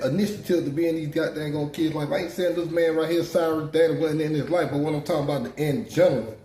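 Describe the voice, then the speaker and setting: A man's voice: fairly high pitch, dark tone, echoey room, slight background noise. A man from South Carolina, hosting his own show and giving blunt, unscripted street-talk commentary full of rhetorical questions. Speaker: YouTube show host.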